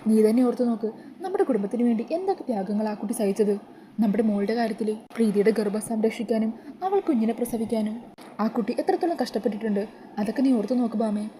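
A woman's voice: a little high, fast talker, dark tone, a little hiss or hum, close to an everyday voice, rough recording. A woman voicing an older family patriarch who pleads earnestly and persuasively. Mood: earnest pleading.

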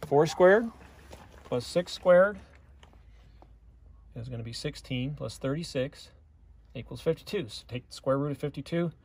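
A man's voice: mid-range voice, a little mellow. Plain-spoken man teaching pipe welding. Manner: plain, practical, step-by-step explaining. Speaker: welding instructor. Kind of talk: hands-on welding lesson. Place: outdoor work yard. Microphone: phone camera held nearby.

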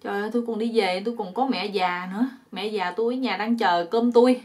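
A woman's voice: medium pitch, quick pace, a little mellow, lightly acted. A woman voicing a frightened young man who begs to be untied. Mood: pleading. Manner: begging, whiny, breathless pleading. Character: pleading young man, bound and terrified.

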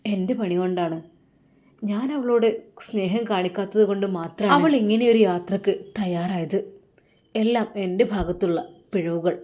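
A woman voicing a troubled young man quietly reproaching himself. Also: medium pitch, normal speed, lightly acted. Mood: brooding. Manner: brooding self-reproach.

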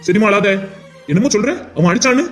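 Cartoon police officer, a man doing the voice, questioning bluntly, brisk. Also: high voice, animated, faint music behind. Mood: stern. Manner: curt, questioning. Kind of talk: Tamil cartoon voice acting.

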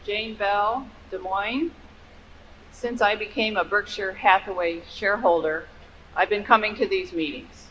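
A woman stands in the audience of a large hall and asks a polite, formal question. Her voice is bright and clear-edged. The sound carries a long hall reverb and a dull lo-fi tone. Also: mid-range voice, a little slow, slight background noise. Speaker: shareholder asking a question. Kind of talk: audience question at a floor mic.

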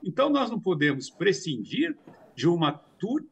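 An older man in his sixties speaks over a video call from a home study lined with bookshelves. His voice is gravelly and somewhat husky. The pitch rises and falls a lot as he explains, and he hesitates often and repeats filler words. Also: wildly swooping pitch, normal speed. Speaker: commentator. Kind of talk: remote news commentary.

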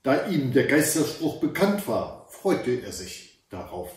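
Slow-reading male fairy-tale storyteller. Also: mid-range voice, sing-song. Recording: echoey room, far from the mic.

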